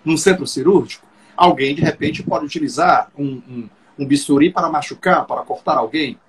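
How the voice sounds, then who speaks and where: Ceremonious male host, high voice. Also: moderate pace, husky, low-quality recording. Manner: ceremonious, flowery phrasing. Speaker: host, professor. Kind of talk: formal live-stream interview. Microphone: video call.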